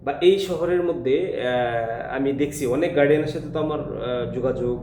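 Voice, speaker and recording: A man's voice: mid-range voice, a little fast, noisy background. Hesitant man teaching in an echoey room. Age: adult with a school-age child. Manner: hesitant, many filler sounds, earnest. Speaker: English teacher. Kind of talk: informal talk to parents. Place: classroom. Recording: echoey room, faint ambience.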